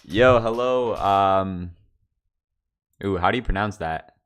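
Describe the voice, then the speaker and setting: A man's voice: sits low, slow, fairly bright tone, clean tone. A young man chatting casually on his livestream from home, rambling loosely with lots of fillers and restarts. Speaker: streamer.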